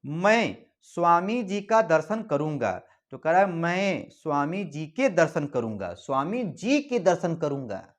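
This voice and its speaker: A man teaching an exam-prep lesson with a fairly high, animated voice that swings up and down. He talks casually and calls his listeners brother. He slows down to read example sentences word by word. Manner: lively, repeats phrases for emphasis; reads example sentences slowly and deliberately. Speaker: Hindi teacher.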